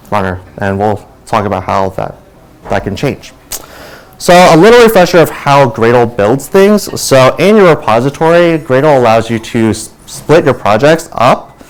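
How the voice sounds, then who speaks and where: A man with a medium-pitched voice delivers a tech lightning talk. He sounds rushed but informal, speaking in loose, colloquial phrases. He often tags his points with a quick "right?" as a presenter at a meetup would. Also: smooth, rough recording. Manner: rushed, keeping it high level.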